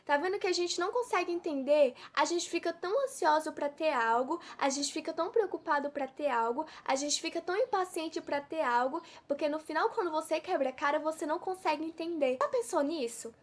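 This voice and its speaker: A woman's voice: high-pitched, brisk, hardly any pauses. A woman from giving an informal devotional sermon, always throwing rhetorical questions at her listeners. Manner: preachy, full of rhetorical questions. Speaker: preacher.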